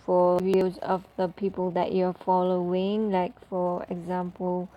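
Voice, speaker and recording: A woman's voice: lowish voice, completely flat delivery, a little slow, muffled recording. A woman talking through an app tutorial as a casual voice-over, chatty and full of fillers as she walks through each step. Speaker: tutorial presenter.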